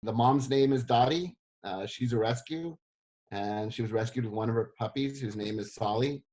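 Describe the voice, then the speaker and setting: A middle-aged man from South Africa answers interview questions in a relaxed, self-deprecating way. His voice sits at an ordinary middle pitch, and his talk is loose and full of ums and uhs. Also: moderate pace. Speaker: history professor interviewed.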